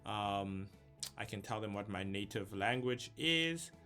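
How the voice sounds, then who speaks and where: His voice is on the low side, pushed and bright, with lively intonation and a measured pace. A young South African YouTuber, he casually talks through an online application on screen, thinking aloud with frequent ums. Faint music sits in the background.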